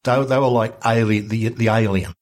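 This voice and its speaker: A man guest on a history podcast, explaining events in a lively, wry conversational way. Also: fairly low pitch, moderate pace. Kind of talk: casual history chat.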